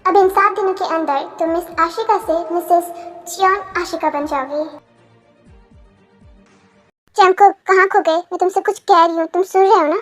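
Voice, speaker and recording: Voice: very high-pitched, a little fast, fairly bright tone, no room sound, soft background music. A reader voicing a stern, bossy elderly grandmother in a fan audio drama. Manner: bossy, lecturing.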